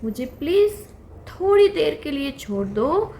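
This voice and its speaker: A woman's voice: high voice, sing-song, takes it slowly, slight background noise, pitched above the performer's own voice, heavily acted. A woman voicing a small frightened baby deer who pleads through tears. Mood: tearful pleading. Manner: crying, pleading.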